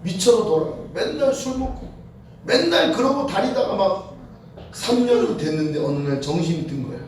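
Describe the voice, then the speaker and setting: A woman preaching a sermon, moving between fervent shouted prayer and quiet storytelling. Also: medium pitch, animated, moderate pace, slight background noise. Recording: echoey hall heard from a distance.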